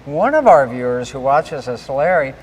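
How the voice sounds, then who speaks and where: A man hosting a live giveaway stream, giving shout-outs and recapping in repeated announcer-like phrases. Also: medium pitch, big pitch swings, moderate pace. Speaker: host of a live giveaway show. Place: large garage with a stage. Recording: echoey hall with faint background noise.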